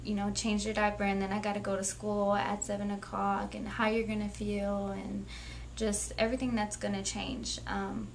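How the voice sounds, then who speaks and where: A 21-year-old young mother with a medium-pitched voice shares her story in candid personal testimony. She speaks earnestly, plainly and reflectively, and there's a little hiss or hum in the audio.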